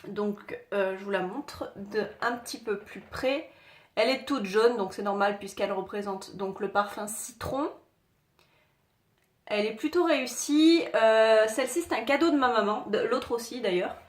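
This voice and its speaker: A woman chatting casually to viewers while showing her collectible figurines, in a halting way with many fillers. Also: on the high side. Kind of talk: casual unboxing chat. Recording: echoey room, faint noise.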